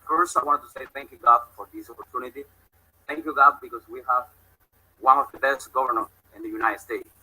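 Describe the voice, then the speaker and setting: A man's voice: mid-range voice, steady tone, fairly quick, noisy background. A man from Cuba, giving an emphatic, grateful public speech. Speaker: speaker at a public event.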